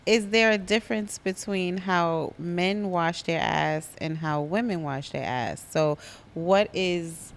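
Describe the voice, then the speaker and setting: A woman in a casual podcast chat who teases the others with pointed questions. Her voice is slightly low. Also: slow, few pauses. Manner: teasing, asks pointed questions.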